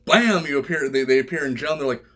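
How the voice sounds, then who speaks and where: A man telling stories in a casual interview, swearing freely and jumping into quoted voices. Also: fast talker. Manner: animated, acts out quoted voices with big pitch jumps, swears freely. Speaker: guest, wrestler and former game tester. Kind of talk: casual storytelling.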